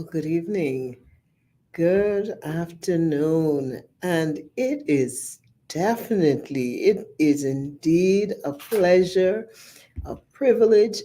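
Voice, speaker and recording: A Bahamian woman in her fifties giving a slow, heartfelt personal testimony. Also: sits low, dark tone. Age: 50s. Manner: slow, measured and heartfelt, reciting lyrics. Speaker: guest speaker.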